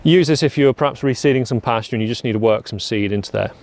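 A young man presents a farm machine in a plain, practical walkaround demo outdoors on a lawn, his mid-range voice fast and a little mellow. As the product presenter, he often repeats "very, very".

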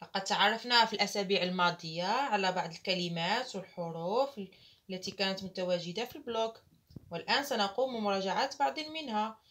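A woman teaching Arabic writing to children, slowly calling out each syllable and praising often. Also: mid-range voice. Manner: slow, deliberate, calls out each syllable loudly.

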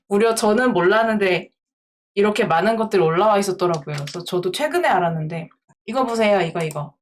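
A woman chatting casually on a livestream, playful and giggly as she talks to her viewers. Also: mid-range voice. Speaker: live streamer.

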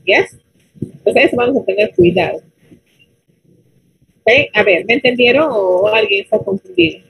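A woman's voice: fairly high pitch, expressive, vocal fry, breathy edge, low-quality recording. Spanish-speaking woman teaching basic English online. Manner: explains in Spanish, models English words slowly, checks with students.

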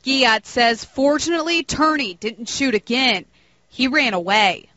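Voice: high voice, a little slow, sharp tone, dry recording, dull audio. A reporter reading scripted news narration for a television package.

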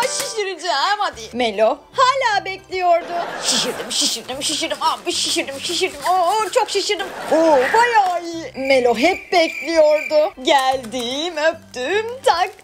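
A woman's voice: extremely high pitch, expressive, moderate pace, hardly any pauses, over music. A woman narrating a playful toy story as a vlogger.

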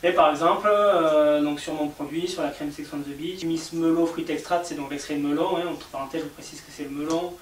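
A man's voice: fairly high pitch, steady tone, fairly quick, hardly any pauses. Patient French man explaining, echoey room. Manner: patient, explains step by step with many fillers. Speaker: cosmetics maker interviewed. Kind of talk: explanatory interview talk. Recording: echoey room, mic at a distance, faint hiss.

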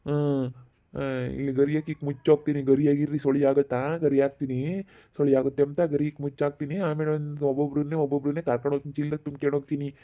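A man acts out a boastful thief who creeps through the fields at night, drawling and coaxing in a singsong village voice. The voice sits a little high, and the sound is dull and lo-fi. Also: flat delivery, quick pace, lightly acted. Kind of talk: village skit acting.

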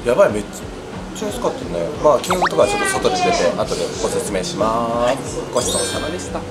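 A young man chats casually as a vlog host at table distance in an izakaya. His pitch swings widely and his talk comes quickly, with loud music playing behind him. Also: wildly swooping pitch. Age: young adult. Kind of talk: casual chat over food and drinks. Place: small busy Japanese izakaya, later the street outside.

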